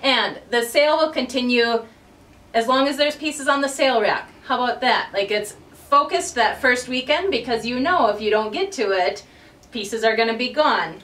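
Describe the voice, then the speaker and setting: A woman's voice: a little high, normal speed, fairly bright tone, recorded from a distance. A woman who owns a boutique, chatting upbeat and directly to viewers as she presents a sale inside her shop. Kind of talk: casual promotional talk.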